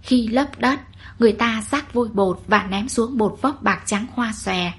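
Very breathy woman narrating a story. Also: fairly high pitch, measured pace. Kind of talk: scripted narration.

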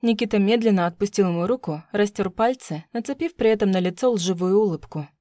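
A woman reading a first-person story aloud, calm and even. Her tone is mellow and dark, close on a dry mic with no room sound. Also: medium pitch, brisk, no echo. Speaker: audiobook narrator. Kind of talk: first-person audiobook narration.

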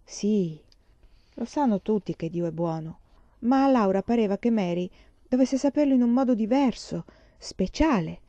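Brief: steady female audiobook reader, dull lo-fi sound, dry room. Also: mid-range voice, normal speed, dry recording. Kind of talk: scripted narration.

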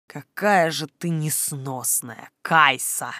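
A woman reading an audiobook voices a possessive, hot-tempered male dragon lord in a low, hushed, intense voice. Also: measured pace, dry recording, studio quality, lightly acted. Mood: angry, stern.

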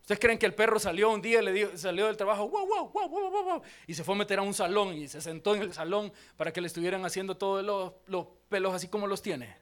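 A man preaching a sermon, with a voice that sits high for a man. He is animated and playful, slipping into little acted-out scenes and putting questions straight to his congregation. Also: quick pace, few pauses. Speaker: pastor.

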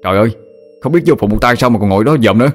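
A man voicing a hot-tempered young male ambulance driver who scolds and shouts in exasperation. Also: fairly low pitch, steady tone, racing, faint music behind, natural voice. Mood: furious.

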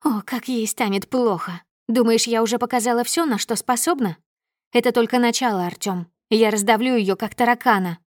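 A woman's voice: on the high side, normal speed, dry recording, pitched above the performer's own voice, lightly acted. A woman voicing a furious young pregnant wife who shrieks and hisses threats, in a dry audiobook recording. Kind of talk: audiobook character voice.

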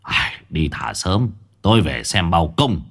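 A man's voice: low-pitched, big pitch swings, a little slow, gravelly, full character voice. Brief: man playing friendly older villager in a spoken ghost story, easygoing. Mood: chatty.

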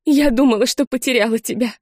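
A woman's voice: a little high, fast talker, a little mellow, dry recording, clean studio sound, close to an everyday voice. A woman reading an audiobook and voicing a mother who speaks in a raised, emotional voice, frantic with worry for her daughter. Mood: distraught. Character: terrified, tearful mother of the narrator.

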